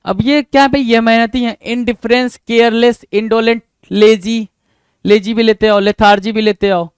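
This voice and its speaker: A high-voiced man teaches exam vocabulary in a clear, smooth tone. He keeps firing rhetorical questions at the class and answering them himself, repeating each key word. His voice sounds close and dry. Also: steady tone, normal speed, no echo. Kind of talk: exam-prep vocabulary lesson.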